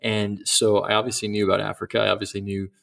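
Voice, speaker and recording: A man's voice: lowish voice, monotone, fast talker, vocal fry, fairly bright tone. A middle-aged man speaking as a missionary guest in an interview, earnest and reflective, often restarting his sentences. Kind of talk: casual interview talk.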